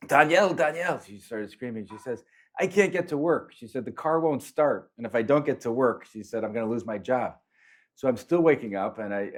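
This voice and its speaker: A man's voice: fairly low pitch, darkish tone. A middle-aged man, a priest and panelist, telling stories from his parish in an anecdotal way and lifting his voice when he quotes others. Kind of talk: storytelling talk.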